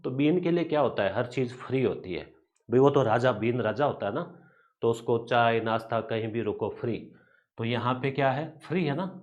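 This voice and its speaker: A man's voice: mid-range voice, highs cut off. A male teacher giving an exam coaching lecture, chatty and informal, repeating rhyming memory tricks.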